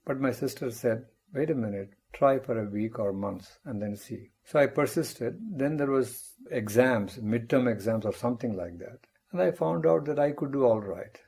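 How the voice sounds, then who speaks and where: An older man from Tamil Nadu, India, whose first language is Tamil, speaks with a mellow, husky, medium-pitched voice. A guest professor in a personal storytelling interview, he recounts events in a measured, reflective way with wry asides.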